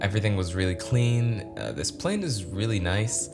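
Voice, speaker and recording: A man's voice: on the low side, animated, moderate pace. A man talking casually to the camera as a travel vlogger in airports and on planes, chatty and easygoing. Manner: chatty, easygoing, rambling with fillers. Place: airports, planes and a shuttle bus. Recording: background music under the voice. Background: music.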